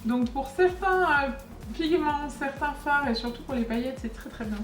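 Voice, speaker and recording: A woman's voice: sits high, moderate pace, recorded from a distance. Chatty young woman, echoey room. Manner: chatty, lively, talks to the products. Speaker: beauty vlogger. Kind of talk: casual unboxing chat. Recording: echoey room, voice a bit off-mic, faint music.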